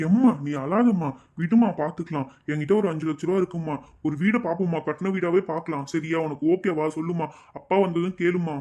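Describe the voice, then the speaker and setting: Man playing a kind, earnest young son, quick delivery. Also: a little high, dark tone, close to an everyday voice. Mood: soothing. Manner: soothing, earnest. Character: young working son, mid-twenties, responsible and kind.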